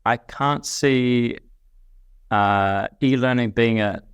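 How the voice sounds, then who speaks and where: A man speaks as an interview guest, his voice smooth and clear. He talks in a thoughtful, reflective way, often restarting his sentences. The sound is close and dry, with no room around it. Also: medium pitch, slow pace, no echo, highs cut off. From New Zealand. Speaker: guest, company CEO. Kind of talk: casual interview chat.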